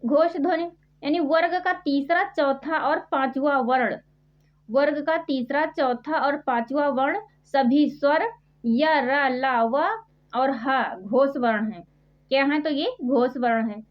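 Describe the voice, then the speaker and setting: A woman runs through multiple-choice grammar questions at an unhurried pace, repeating each question and answer. Her voice sits high and is measured. The recording is dull and lo-fi. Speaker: Hindi grammar teacher. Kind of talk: quiz-style exam prep lesson. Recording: dull lo-fi sound.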